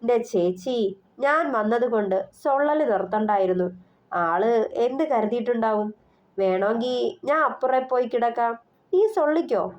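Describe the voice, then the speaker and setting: A woman's voice: on the high side, expressive, moderate pace, natural voice. A woman voicing a mischievous, playful younger sister in a storybook reading. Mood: teasing.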